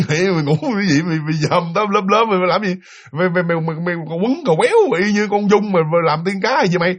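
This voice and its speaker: A man's voice: sits high, fairly quick. A man voicing a blunt young woman roommate who mocks and rattles off repeated words. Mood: mocking.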